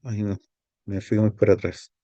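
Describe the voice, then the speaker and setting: A man's voice: fairly low pitch, level tone, dark tone, no echo, dull audio. Dry-voiced man teaching Greek grammar. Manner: explains step by step, repeats words slowly, pauses to find his page. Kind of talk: seminary lesson on Greek grammar.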